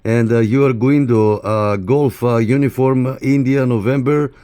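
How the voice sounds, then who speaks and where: Warm and mid-range, this man's voice keeps a steady tone at a measured pace, captured in studio quality with no echo. He's a CB radio operator and YouTube host in a room at his radio set, informally making contacts, chatting to viewers, and repeating call phrases, with clear background noise and radio clicks.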